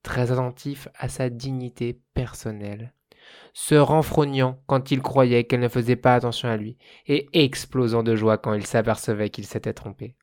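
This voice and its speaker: A man narrating a folk tale as a storyteller. His reading is calm and measured, in a voice of middle pitch. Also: no room sound, studio quality.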